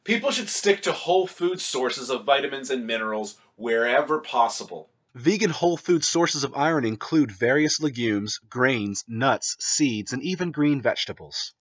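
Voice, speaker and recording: A young man on his fitness vlog, reading a scripted commentary with emphatic, blunt asides, filmed on a webcam in a home kitchen. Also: medium pitch. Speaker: vegan fitness vlogger.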